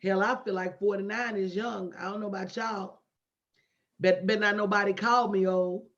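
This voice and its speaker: A woman's voice: mid-range voice, fairly even intonation, normal speed, a bit bright. A woman in her late forties coaching a live online audience with emphatic, preacher-like repetition and folksy, direct address. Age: late 40s. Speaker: motivational business coach hosting a livestream. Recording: dull lo-fi livestream audio.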